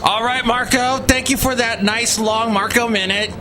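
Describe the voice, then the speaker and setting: With an extremely high voice at a moderate pace, a man hosts a podcast, chatting casually and joking playfully with his co-host. The whole exchange is lively and jokey.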